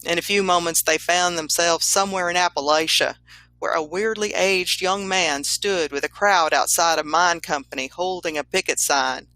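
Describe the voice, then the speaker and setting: A woman narrating a comedic story in a deadpan, matter-of-fact way. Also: fairly low pitch, normal speed, no echo, low-quality recording.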